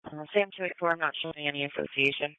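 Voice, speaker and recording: A man's voice: fairly high pitch, very fast, sharp tone, clean tone, no room sound. A man, a police officer in the field, giving clipped, matter-of-fact reports over a police radio. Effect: police radio transmission. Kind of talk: terse radio call codes. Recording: tinny, dry police radio.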